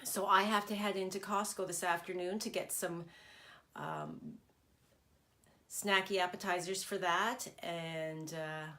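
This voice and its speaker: This middle-aged woman demonstrates stamping crafts in a home live stream captured on a phone or tablet camera. Congested and nasal from a cold, she talks casually with frequent ums in a lowish, steady voice that is a little slow, pushed and bright.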